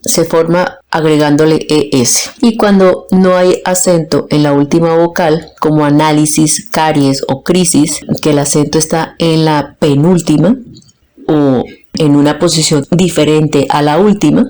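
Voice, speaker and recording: Slow, low-voiced woman teacher. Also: steady tone, mellow. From Colombia. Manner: slow, deliberate, splits words into their parts. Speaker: Spanish teacher. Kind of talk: scripted grammar lesson.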